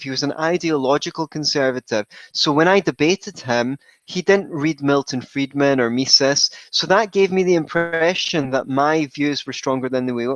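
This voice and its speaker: A man's voice: mid-range voice, no echo, highs cut off. A man with a Scottish accent, a podcast guest telling his story in a wry, rambling way that keeps correcting itself. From Scotland. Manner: wry, digressive, self-correcting. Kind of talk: casual interview chat.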